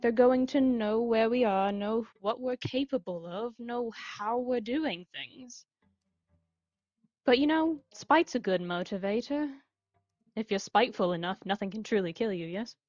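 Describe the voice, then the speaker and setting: A woman's voice: on the high side, unhurried, darkish tone, dry recording. A woman playing a tabletop game, bantering and laughing with the game master. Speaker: player. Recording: dull, dry lo-fi mic.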